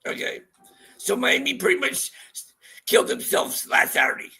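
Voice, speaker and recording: A man calling in to a sports show for a casual chat, with a thin, squeaky, strained voice, congested with a cold. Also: sing-song, normal speed, sharp tone, breathy edge. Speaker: caller to a sports call-in show.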